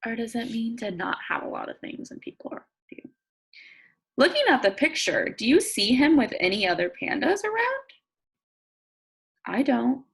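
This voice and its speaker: A woman with a rather high, creaky voice and a breathy edge reads nonfiction aloud like a teacher of young kids. She is expressive and deliberate, frequently quizzing her listeners and thinking out loud with easy explanations.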